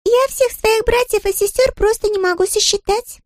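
A woman reading aloud and voicing a tiny, fluffy yellow chick girl who is curious and chatty, with a squeaky voice and a stream of eager questions. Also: normal speed, no room sound, clean studio sound.

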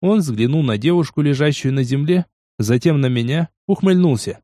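A man reading a dark first-person story aloud in an intense, dramatic manner. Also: on the high side, expressive, moderate pace, no echo, clean studio sound. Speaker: audiobook narrator. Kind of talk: first-person audiobook narration.

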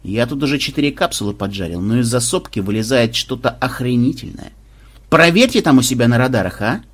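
Чтец озвучивает ленивого канонира, говорит небрежно, с хрипотцой. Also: male voice, mid-range voice, brisk, natural voice. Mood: offhand. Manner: flat, offhand drawl. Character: indifferent, laid-back male ship gunner.

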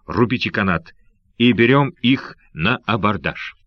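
A man's voice: fairly low pitch, expressive, measured pace, no room sound. A man voicing a bold, scornful pirate captain. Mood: rallying shout. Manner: loud shouting commands. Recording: dull lo-fi dry recording.

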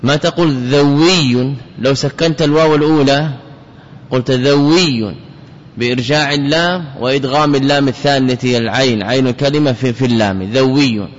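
Speaking fast in a mid-range voice, a man teaches classical Arabic grammar as a scholar, repeating key terms and questioning his students. The sound is dull lo-fi with long hall reverb.

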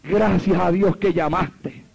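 A man's voice: high voice, fairly even intonation, slow, vocal fry, darkish tone, husky, full character voice. A man in a sermon quoting his frightened young wife on the phone. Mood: pleading.

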